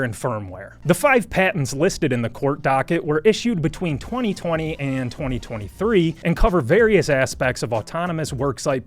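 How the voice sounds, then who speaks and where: A man hosting a scripted news commentary show, explaining a legal story in a wry, joking manner with sponsor plugs. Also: fairly high pitch. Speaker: host.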